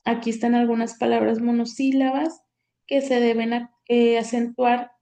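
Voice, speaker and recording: A woman teacher, reading grammar slides aloud in a halting way with many fillers. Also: fairly high pitch, level tone, warm tone. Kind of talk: slide lecture on accent rules.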